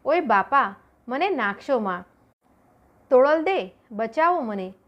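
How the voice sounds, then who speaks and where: A woman's voice: high-pitched, sing-song, takes it slowly, muffled recording, heavily acted. A woman voicing a boastful male warrior now terrified, wailing and pleading as a storm threatens his ship. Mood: begging. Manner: panicked wailing.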